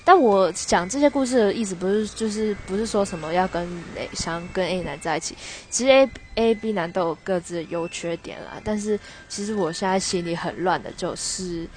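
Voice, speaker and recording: A woman's voice: medium pitch, a little fast, few pauses, a little hiss or hum. A young woman hosts a podcast, telling a personal story in a rambling, hesitant way that keeps correcting itself. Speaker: podcast host.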